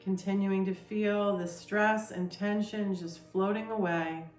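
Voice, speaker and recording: Woman, meditation guide, very slow unhurried pace, gentle soothing delivery, roomy echo, faint music underneath. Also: medium pitch, steady tone. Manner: soft, slow, soothing instructions.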